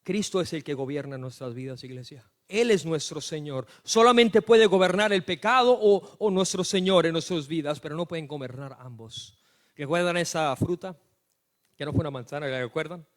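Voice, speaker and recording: A man preaching a sermon as pastor, telling stories and swinging from hushed asides to loud emphatic lines. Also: fairly high pitch, moderate pace.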